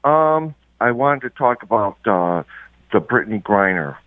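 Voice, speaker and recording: A man's voice: fairly low pitch, expressive, measured pace, dry recording. A man calling in to a radio talk show on a speakerphone, talking hesitantly with frequent ums. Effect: speakerphone call over a phone line. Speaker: caller. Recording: tinny phone line.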